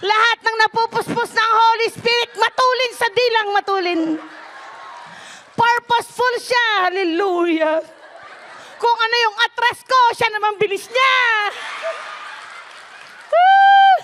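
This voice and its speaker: A middle-aged woman pastor, giving an animated testimony sermon. She moves from laughing and shouting to soft, low tones. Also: measured pace, slight background noise.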